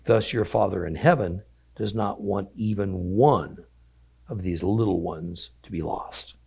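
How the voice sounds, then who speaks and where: A man teaching a weekly Bible lesson, reading scripture aloud and slowing down to stress key phrases. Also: low-pitched, vocal fry, a little mellow, husky.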